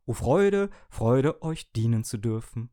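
A man's voice: mid-range voice, normal speed, mellow, dry recording, studio quality, lightly acted. A man voicing a devout male toaster that worships its owner, in exalted, solemn tones for an audiobook. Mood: ecstatic. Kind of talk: audiobook reading.

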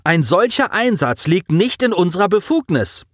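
A man's voice: high voice, very animated, normal speed, fairly bright tone, no room sound, studio quality, pitched above the performer's own voice, full character voice. A man reading an audiobook, voicing a principled, indignant senior male starship commander who speaks firmly and reproachfully. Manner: firm, objecting and reproachful.

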